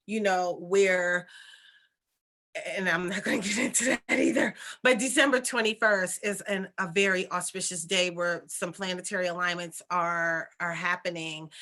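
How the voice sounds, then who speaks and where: A woman's voice: lowish voice, bright, forceful tone. A woman speaking casually and earnestly to viewers as a spiritual coach, rambling conversationally and often checking in with them. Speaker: spiritual coach and host of oracle readings.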